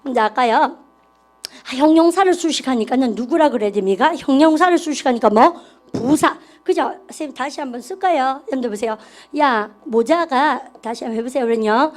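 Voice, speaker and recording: A woman's voice: high voice, fast, faint music behind. A woman teaching an English grammar class, encouraging students and leading them through call-and-response drills. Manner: encouraging, repetitive, calls herself 쌤. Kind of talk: classroom lecture.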